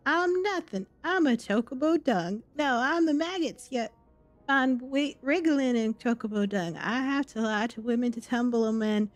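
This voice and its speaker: A woman doing a rough boastful sailor man. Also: medium pitch, normal speed, dry recording, soft background music, close to an everyday voice. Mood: panicked. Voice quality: rough pirate-like drawl. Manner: bragging, then babbling in panic. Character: boastful cowardly male sailor, rough-spoken. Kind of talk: reading game dialogue aloud.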